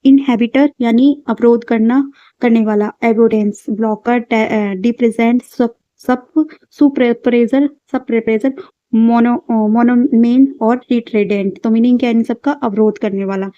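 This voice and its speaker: Give me a woman reading vocabulary lists for exam prep, slightly high voice, dull lo-fi recording. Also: fairly even intonation, mellow, dry recording. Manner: halting reading with frequent restarts and fillers. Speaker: vocabulary teacher. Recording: dull lo-fi sound.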